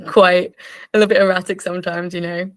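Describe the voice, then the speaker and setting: A woman's voice: fairly low pitch, fairly even intonation, a little fast, no echo. A young woman presenting an online workshop in a bubbly, chatty way, full of fillers. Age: young adult. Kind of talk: casual online workshop talk.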